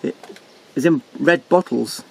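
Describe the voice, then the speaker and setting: A man's voice: fairly high pitch, unhurried, creaky, slightly rough. An Englishman narrating his road trip on camera with dry, teasing humor from inside a motorhome. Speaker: vlogger filming a road trip. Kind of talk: joking travel commentary. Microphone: handheld camera mic. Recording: loud road and engine noise.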